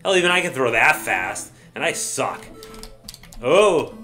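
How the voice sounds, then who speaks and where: A man casually commenting while playing an old baseball video game, excitable, shouting at the players and grumbling when things go wrong. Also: mid-range voice, unhurried, soft background music. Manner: excitable, swears mildly, yells at the game. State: says he is drunk. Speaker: let's play gamer.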